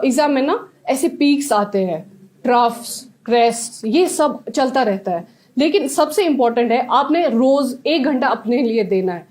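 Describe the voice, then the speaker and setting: High-voiced young woman giving exam advice. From Jammu and Kashmir. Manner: animated, switches between Hindi and English mid-sentence. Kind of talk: motivational talk to students.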